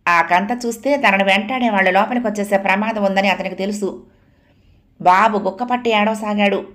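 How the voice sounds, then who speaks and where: A woman reading a novel aloud as dramatic, expressive audiobook narration. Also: mid-range voice, brisk.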